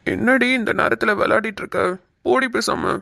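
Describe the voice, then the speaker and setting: A woman's voice: on the high side, steady tone, normal speed, vocal fry, a bit bright, no echo, clean studio sound. A woman voicing a sleepy, easily scared young husband in a cartoon, whiny and stammering when frightened. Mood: drowsy. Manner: whiny, teasing banter. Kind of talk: cartoon voice acting.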